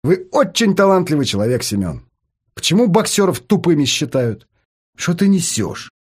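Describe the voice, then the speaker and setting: A man voicing a brash, confident male psychologist who talks in a commanding, provocative way, with a husky voice. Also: a little high, sing-song, normal speed. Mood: accusing.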